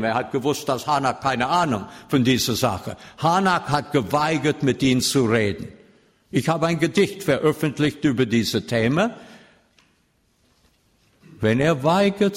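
A middle-aged man preaching a sermon in German full of grammar slips, lecturing and putting questions to his listeners. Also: mid-range voice. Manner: slow, lecturing, asks the audience questions. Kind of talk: sermon with teaching asides. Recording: long echoing reverb of a hall.

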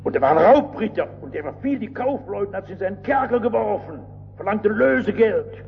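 An older man preaching a sermon and telling stories, emphatic, swinging between hushed and raised delivery. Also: high-pitched, animated, fairly quick, vocal fry, faint music behind. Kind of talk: sermon with storytelling. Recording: dull old recording in a reverberant hall.

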